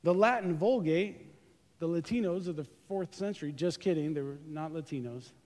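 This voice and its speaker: A man preaching in a church sanctuary, joking and animated, with casual slang. His voice sits fairly high for a man. The sound carries a long reverb from the hall. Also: normal speed. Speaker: pastor. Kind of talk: sermon.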